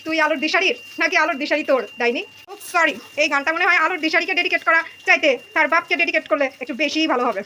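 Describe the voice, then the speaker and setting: Young woman, very high and very fast, mocking monologue, faint background hum. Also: bright, forceful tone. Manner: mocking, taunting, direct address. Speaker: vlogger venting about family. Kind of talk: sarcastic monologue with sung lines.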